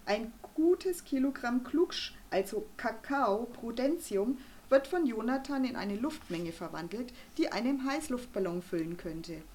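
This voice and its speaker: A woman voicing a stern, pompous male doctor who lectures gruffly in an audiobook reading. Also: a little high, lively intonation, measured pace, few pauses, a little mellow, slight background noise. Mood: confiding. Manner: gruff, lecturing, then conspiratorial.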